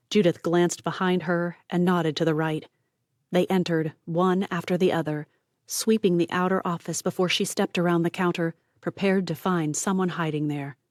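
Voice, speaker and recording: A woman's voice: on the low side, darkish tone, dry recording, clean studio sound. A woman narrating an audiobook, voicing each character and dropping to a whisper for tense lines.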